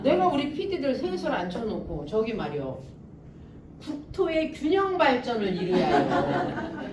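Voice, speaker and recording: Middle-aged woman professor, higher voice with bouncy animated pitch, joking lecture style. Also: a little slow, a little hiss or hum. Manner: lively, joking, laughs often. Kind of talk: humorous lecture storytelling. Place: lecture hall. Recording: roomy hall, mic from a distance.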